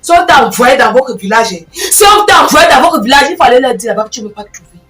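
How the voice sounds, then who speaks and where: A woman's voice: high-pitched, lively intonation, fast talker, fairly bright tone. A woman, acting an exasperated married younger sister in a comedy sketch, scolding and lecturing emphatically. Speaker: comic actress. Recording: roomy, from a distance, faint music.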